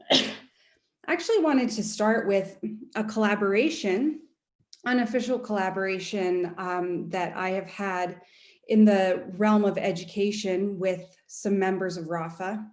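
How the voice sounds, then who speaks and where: An American woman, a history professor, speaks earnestly to a community gathering, pausing on ums and restarting her sentences. Her voice sits at an ordinary pitch. It carries the echo of a roomy space. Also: a little mellow. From United States. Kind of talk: speech at a community event.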